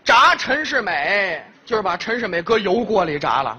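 A man's voice: sits high, very animated, normal speed, bright, forceful tone, breathy edge, muffled recording. A man playing the straight man in a crosstalk comedy routine, correcting his partner with teasing retorts.

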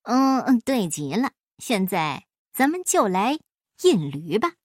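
A woman voicing a clever, humble male folk trickster in a storybook reading, unhurried and politely mocking. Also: fairly high pitch, sing-song, no room sound, studio quality, heavily acted. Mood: sly.

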